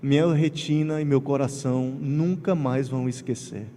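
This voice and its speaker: Emotional spiritist lecturer in an echoing hall. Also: male voice, mid-range voice, moderate pace. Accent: Pernambuco Portuguese. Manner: emotional, animated storytelling with acted quotes. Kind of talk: lecture to a congregation. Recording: hall reverb with faint ambient noise.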